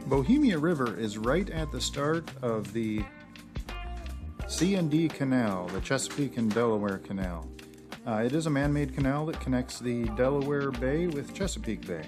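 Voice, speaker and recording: A man's voice: mid-range voice, expressive, moderate pace, over music. A man narrating his sailing vlog at home, chatty and rambling with plenty of fillers and self-deprecating asides. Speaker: sailing channel host. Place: house full of dogs.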